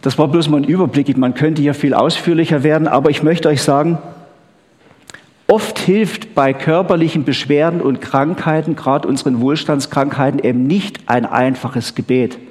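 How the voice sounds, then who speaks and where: A man's voice: fairly high pitch, normal speed, a little mellow. A man preaching a chatty sermon, often checking in with the crowd with "gell?" and "ha?". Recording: long hall reverb.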